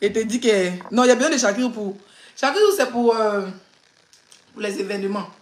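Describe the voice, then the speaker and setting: Woman influencer, high chatty voice, teasing live-stream rant in a roomy space. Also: a little fast. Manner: chatty, laughing, teasing and ranting. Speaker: blogger and influencer. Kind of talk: casual live stream chat. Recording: roomy echo.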